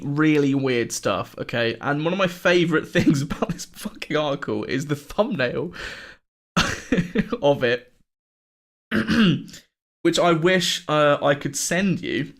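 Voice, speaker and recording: A man's voice: fairly high pitch, fairly bright tone. A young man co-hosting a casual podcast, laughing often and swearing as he reads out odd news stories. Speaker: podcast co-host.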